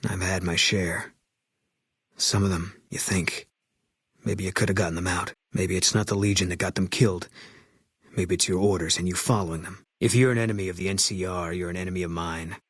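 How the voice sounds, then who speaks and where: A bitter, grieving ex-soldier sniper from a video game, a middle-aged man, speaks in short, clipped, grim lines, guarded and curt, giving little away. His very low, husky voice is slightly bright and sits close and dry, with no room sound around it.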